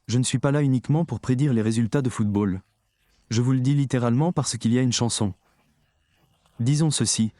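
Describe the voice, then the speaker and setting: A man's voice: mid-range voice, warm tone, no echo. A man preaching a sermon, talking emphatically and straight to his audience. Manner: emphatic, addresses the audience directly.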